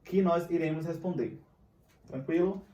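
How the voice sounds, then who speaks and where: An echoey room and a distant mic frame this recorded grammar lesson by a man with a Brazilian Portuguese accent, who is patient and keeps checking in with his students. His voice is on the high side and dark in tone, and he speaks unhurriedly.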